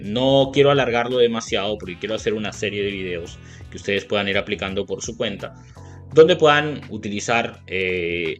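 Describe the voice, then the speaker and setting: A man's voice: lowish voice, a bit bright. A man with a Latin American Spanish accent teaching a video lesson, explaining step by step and checking in often with the viewer. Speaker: English teacher.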